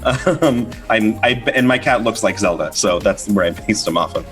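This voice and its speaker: A man's voice: on the low side, moderate pace, a bit bright, faint music behind. A man hosting a casual livestream chat, rambling with fillers and easy laughs. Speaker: host.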